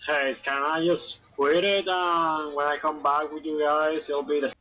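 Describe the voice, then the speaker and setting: A man's voice: on the high side, flat delivery, unhurried, sharp tone, low-quality recording. A gamer man giving short, offhand replies in casual talk over a group voice chat. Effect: heard over group voice chat.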